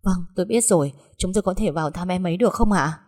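A woman putting on a brawny farming woman with a short fuse, coarse and loud in her threats. She speaks in a lowish voice that rises sharply when she shouts. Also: fast, close to an everyday voice. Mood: anxious, polite. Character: furious hot-tempered peasant woman, older sister.

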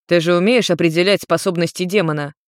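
Woman doing an irritated young man, curt, exasperated, low tone, dry sound. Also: fast, no room sound, lightly acted. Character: irritated young grey-haired man, blunt son.

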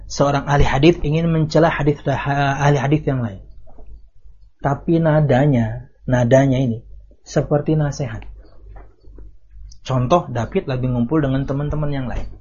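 A man teaching a religious study lecture. He reads classical Arabic text, then explains it in lively casual talk with rhetorical questions. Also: medium pitch, breathy edge. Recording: dull lo-fi audio recording.

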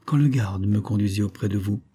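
A man's voice: on the low side, brisk, dark tone, breathy edge. A man doing a cunning suspect pleading innocence. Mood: evasive. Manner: theatrical, pleading. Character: cunning male suspect feigning outraged innocence.

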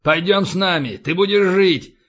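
A male narrator voicing a tough, weary special-forces soldier who talks gruffly and bluntly. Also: high-pitched, normal speed, fairly bright tone, muffled recording, voice pushed up. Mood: gruff, curt.

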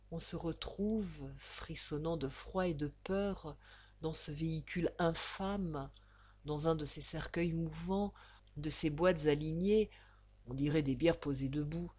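A woman reading a serial novel aloud in a slow, expressive, dramatic way, lingering on emotional phrases. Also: on the low side, breathy edge. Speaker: audiobook reader.

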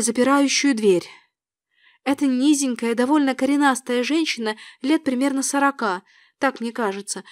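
Woman, audiobook narrator, first-person storytelling, lively and expressive, high voice, dry close sound. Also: no room sound.

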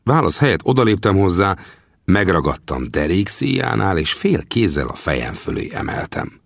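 A man narrating an adventure novel in the first person, in steady storytelling. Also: vocal fry, no echo, clean studio sound. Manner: steady storytelling, lively pitch. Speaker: audiobook narrator.

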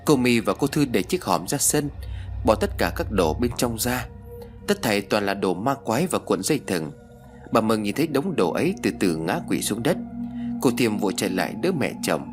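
A man narrating a ghost story audiobook in a lively storytelling voice. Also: lowish voice, normal speed, over music.

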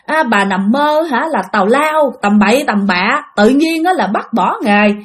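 A woman's voice: a little high, expressive, measured pace. A woman voicing a stubborn husband who brushes off his wife's fears. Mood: scoffing. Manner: scoffing, brusque. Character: stubborn dismissive husband, money-minded.

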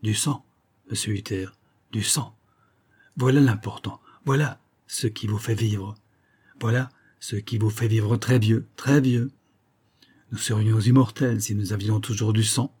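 A sinister aristocratic vampire count , as a male reader puts him on, speaks in a dark, husky voice. He talks slowly and insinuatingly, lingering over every word about blood. It is a dramatic reading of a story. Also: fairly low pitch, steady tone. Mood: brooding menace. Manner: slow, insinuating, dwells on blood.

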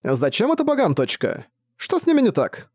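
A man voicing a quirky non-human companion with a verbal tic, in a high squeaky put-on voice. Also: wildly swooping pitch, fairly quick, a little mellow, breathy edge, no room sound, studio quality, full character voice. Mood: puzzled. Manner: ends sentences with a verbal tic.

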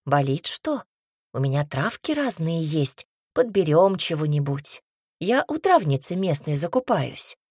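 A woman voicing a gruff older female castle housekeeper who speaks bluntly and scolds. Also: low-pitched, big pitch swings, measured pace, a little mellow, no echo, clean studio sound, heavily acted. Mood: stern.

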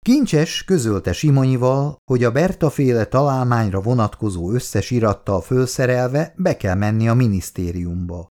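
A man reading a novel aloud as narrator in an expressive, animated reading voice. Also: mid-range voice, hardly any pauses.

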